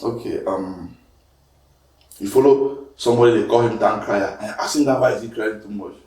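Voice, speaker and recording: Animated comedian, roomy and distant. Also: male voice, normal speed. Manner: animated, swings up loud and high when protesting, mixes in Pidgin. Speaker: comedian guest reading mean comments. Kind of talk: casual talk-show chat.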